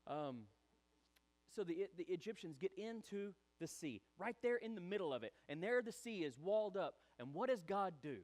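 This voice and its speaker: A man preaching a sermon, animated and chatty, acting out the voices of people in the story. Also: high voice, normal speed. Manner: animated, acts out quoted voices, chatty asides. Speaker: pastor.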